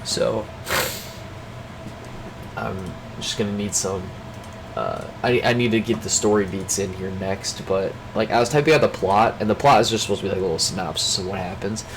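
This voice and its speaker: A young male vlogger with a fairly low, stuffed-up voice talks off the cuff at normal speed in a loose daily check-in, rambling, restarting sentences and leaning on filler words. An air conditioner hum and other background noise sit beneath his voice.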